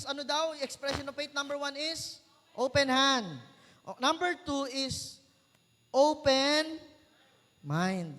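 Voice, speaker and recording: A Filipino man preaches in a high, bright, ringing voice that trails off into a church hall's long reverb. He switches easily between Tagalog and English. He keeps asking the congregation questions and joking with them. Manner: playful, jokes with the crowd. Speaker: pastor. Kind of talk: sermon. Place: large church hall.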